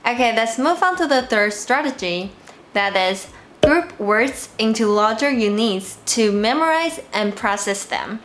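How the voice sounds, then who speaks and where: Female Mandarin teacher and channel host, slightly high voice, clear and deliberate delivery, scripted lesson. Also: animated, a bit bright. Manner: clear, deliberate explaining to learners.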